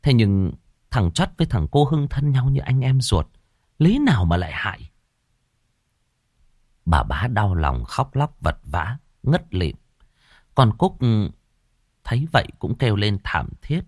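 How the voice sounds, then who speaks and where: A man's voice: fairly low pitch, very animated, unhurried, long pauses, a little mellow, no room sound, studio quality. A man reading a scripted audiobook story in a dramatic storytelling manner, shifting into character voices.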